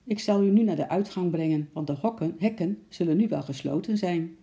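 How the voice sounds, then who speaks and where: A calm, practical older zookeeper from a children's story, grumbling his words, as the narrator voices him. The voice is dark and gravelly. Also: mid-range voice, a little fast, pitched above the performer's own voice, lightly acted.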